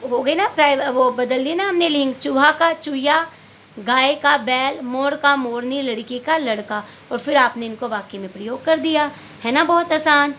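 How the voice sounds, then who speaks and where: Calling her young pupils beta, a primary school teacher patiently explains a Hindi workbook lesson, asking questions and then answering them. Her voice is high and fairly bright, and she talks at normal speed.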